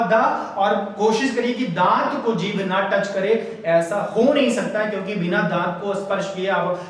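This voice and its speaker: A male teacher giving an exam-prep grammar lecture, explaining step by step and asking questions he then answers himself. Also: sits high. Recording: very echoey room, voice from far off.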